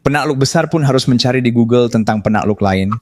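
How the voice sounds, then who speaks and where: A man's voice: medium pitch, quick pace, darkish tone, no echo, studio quality. Casual, boastful man talking.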